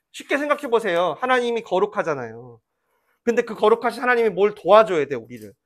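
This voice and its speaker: A middle-aged man preaching a sermon as pastor, telling the story vividly and leading the congregation in repeating lines. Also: high voice. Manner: lively storytelling, acting out voices in quotes; leads congregation in call-and-response reading.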